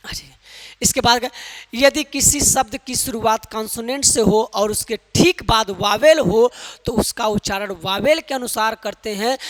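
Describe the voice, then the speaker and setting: A high, slightly bright male voice belongs to an English teacher from Uttar Pradesh, India, who keeps calling his audience brother. He drills pronunciation through repeated questions, and the recording carries long hall reverb.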